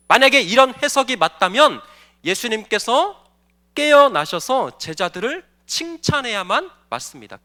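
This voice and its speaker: A man's voice: sits high, bright, forceful tone. A man preaching a Sunday sermon as pastor, emphatic and questioning the congregation directly. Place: church sanctuary.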